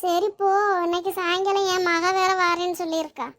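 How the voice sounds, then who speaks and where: In a very high, level-toned voice that is brisk and a bit bright, a woman plays a cartoon's bossy old mother-in-law. The character is scolding, demanding, and quarrelsome, always picking fights.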